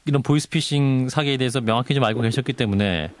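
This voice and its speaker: A man's voice: medium pitch, fast talker, slight background noise. A man hosting a news radio interview in a polite, formal manner.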